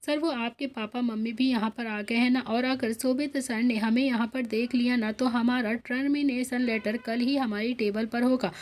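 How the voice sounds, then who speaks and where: A woman voicing frightened male office workers who talk in a hushed, stubborn way in a storybook reading. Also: a little high, steady tone, normal speed, hardly any pauses, natural voice. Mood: scared.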